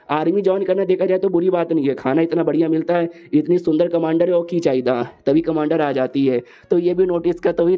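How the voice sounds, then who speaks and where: A man's voice: fairly high pitch, lo-fi sound. A man narrating an anime story recap in a slangy, jokey way, voicing every character himself. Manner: slangy, jokey, repeats filler "yahan pe".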